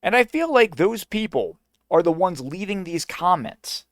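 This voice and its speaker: A man's voice: high-pitched, very animated, unhurried, a bit bright, dry recording, clean studio sound. A man giving an indignant, argumentative reaction commentary, now and then mocking others in a sing-song voice.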